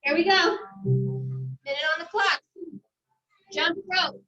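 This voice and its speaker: Woman cardio instructor, breathless, slow steady cues, roomy echo. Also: extremely high pitch, dull audio. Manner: encouraging cues with cheers. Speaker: fitness instructor. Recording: echoey room with loud music. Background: workout music.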